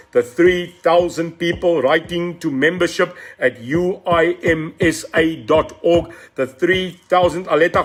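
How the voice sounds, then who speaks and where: An older man with a South African accent gives a blunt, combative, emphatic live video address as a political leader, switching between two languages. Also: on the high side. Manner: switches between Afrikaans and English.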